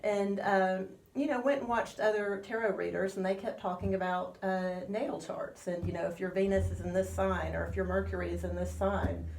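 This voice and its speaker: A woman's voice: mid-range voice, fairly even intonation, normal speed, hardly any pauses, darkish tone, reverberant, slight background noise. A woman with a slight lisp, rambling casually as a radio guest with many fillers. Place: radio studio.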